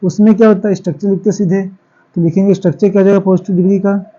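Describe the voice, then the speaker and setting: A man teaches a grammar class in a high, mellow voice. He fires questions at the class and answers them himself, repeating each key word. The recording sounds dull and lo-fi. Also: little pitch movement, rapid-fire. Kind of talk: classroom lecture on English grammar.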